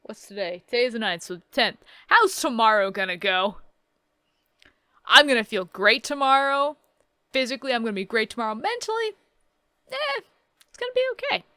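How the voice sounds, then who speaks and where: A woman's voice: on the high side, big pitch swings, normal speed, long pauses, pushed and bright, no echo, clean studio sound. A woman in her thirties casually reading game text aloud and adding wry, joking asides in a playthrough. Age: 30s. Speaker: let's play host.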